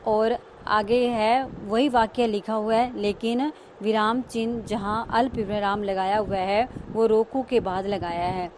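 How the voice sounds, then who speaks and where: Woman teacher, unhurried, patient explainer, faint traffic in background. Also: mid-range voice, fairly even intonation, a little mellow. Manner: slow, explains each term and repeats it. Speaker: school teacher. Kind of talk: online grammar lesson.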